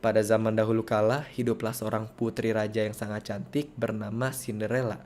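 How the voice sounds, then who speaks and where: A bored, droning storyteller, as a man puts him on, reading a children's tale. The voice is low, quiet and flat, with almost no rise or fall. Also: fairly quick, slight background noise, natural voice. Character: dull, monotone storyteller who bores children.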